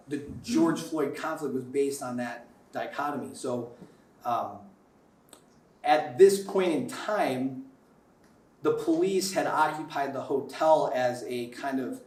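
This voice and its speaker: A man tells a story to a room of students, earnest and reflective, with frequent restarts. His voice sits at an ordinary middle pitch. The room echoes and he sounds set back from the mic. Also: darkish tone, far from the mic. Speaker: keynote speaker. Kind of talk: storytelling keynote speech. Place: lecture room.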